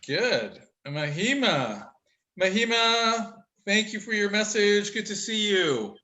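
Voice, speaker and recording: Bright, high-voiced jokey male instructor. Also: sing-song, low-quality recording. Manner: chatty, upbeat, teasing jokes; talks quickly. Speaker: college instructor. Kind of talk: casual online class over video call. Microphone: video call.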